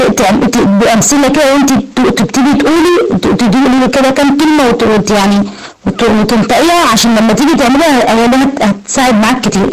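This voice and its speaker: An Egyptian woman teaching Quran recitation, giving quick, encouraging corrections and slowly drawing out example words. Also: on the high side, rough recording. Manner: quick, encouraging corrections with slow drawn-out demonstrations. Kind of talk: online recitation lesson, correcting a student.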